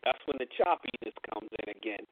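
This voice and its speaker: A man's voice: medium pitch, lively intonation, a little fast. A man speaking over a landline home phone in casual chat as a guest presenter, repeating words as he starts his sentences. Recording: tinny landline phone line with faint hiss.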